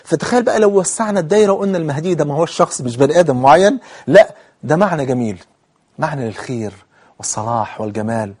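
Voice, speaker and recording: A middle-aged man with an Egyptian accent giving a televised religious lesson, animated and emphatic, acting out opponents' objections. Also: a little high, very fast, breathy edge. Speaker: religious TV preacher.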